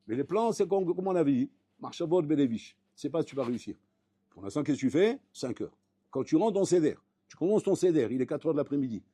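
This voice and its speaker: Rabbi telling a lively Torah-class story. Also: male voice, fairly high pitch, quick pace, slightly rough, dry recording. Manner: lively storytelling, acting out voices, rising to loud emphatic peaks; French mixed with Hebrew terms, repeated address to the audience.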